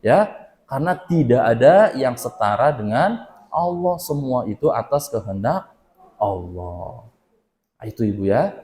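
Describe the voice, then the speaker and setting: A man's voice: mid-range voice, lively intonation, unhurried, long pauses, darkish tone. A male preacher teaching scripture to a women's study group, asking rhetorical questions and answering them himself, repeating key points. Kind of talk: religious lecture on scripture.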